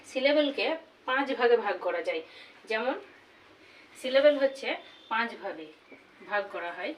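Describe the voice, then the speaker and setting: A woman teaching a grammar lesson, slowly repeating each example word. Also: a little high, expressive, a little hiss or hum. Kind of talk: classroom lesson. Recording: voice from far off the mic.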